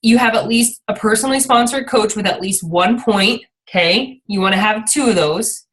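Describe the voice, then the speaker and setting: A woman with a medium-pitched voice speaks at a normal pace while hosting an informal, motivational team training call. As team leader and coach, she rambles a little and keeps checking in with her listeners to encourage them.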